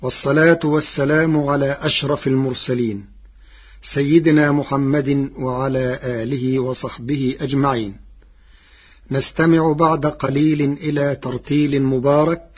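A man giving a formal, scripted explanation as a recitation teacher, measured and precise. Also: medium pitch, husky. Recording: dull lo-fi recording.

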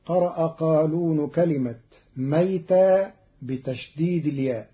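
Man explaining recitation variants, lo-fi. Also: on the high side. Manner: measured, explains then slowly recites verses in melodic tones. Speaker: Quran recitation teacher. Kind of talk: scripted explanatory narration. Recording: dull lo-fi recording.

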